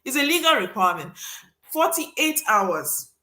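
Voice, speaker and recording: A woman hosting a casual advice talk, emphatic and animated, acting out little scenes with sudden high voices. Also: unhurried, roomy sound. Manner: emphatic, repeats for stress. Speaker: host giving career advice.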